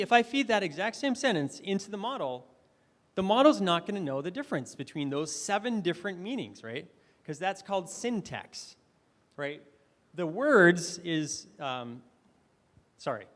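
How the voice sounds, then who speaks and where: A man giving a conversational, enthusiastic conference presentation, checking in with the audience with questions as he goes. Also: a little high. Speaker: conference speaker. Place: conference hall. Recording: long hall reverb.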